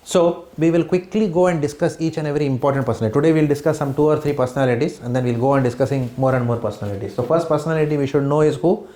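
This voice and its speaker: In an echoey room in a home, an Indian-accented man from Bombay teaches a spiritual class in English and Hindi, talking rapid-fire with few pauses in a mellow, slightly high voice. He quizzes the listeners and keeps asking "hmm?" and "right?"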